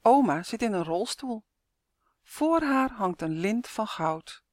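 Slow, expressive woman reading a children's story. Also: mid-range voice, dry recording, studio quality. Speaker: author and narrator.

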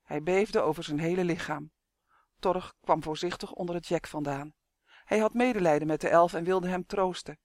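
A narrator reading a children's fantasy story in a steady, measured way. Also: medium pitch, no room sound, studio quality. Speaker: audiobook narrator.

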